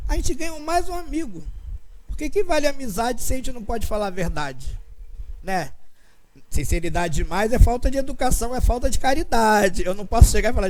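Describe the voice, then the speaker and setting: A man's voice: very high voice, darkish tone, low-quality recording. An older man, leading a spiritist study group in a chatty, anecdotal way and acting out bits of dialogue. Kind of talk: casual talk to a study group.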